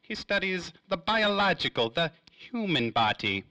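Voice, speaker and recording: A man's high, very animated voice comes through sharp yet clean in a dry recording, a full character performance of a cagey industrial magnate from a 1930s-style noir radio serial. Suave and self-important, he stays smug and evasive, elongating his words theatrically.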